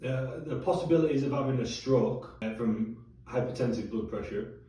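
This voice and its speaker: A man's voice: medium pitch, normal speed, mellow. A man talking casually in a candid video diary, swearing now and then as he chats. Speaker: vlogger. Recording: very echoey room, distant mic.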